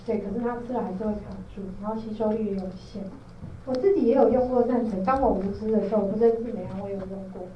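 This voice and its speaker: A woman's voice: medium pitch, fast talker. A woman with a Taiwanese Mandarin accent gives an informal training lecture, explaining things step by step and checking in with her listeners. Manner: explanatory, often checks with listeners using tag questions. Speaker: product trainer, presenter. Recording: roomy echo, distant mic, dull, faint noise.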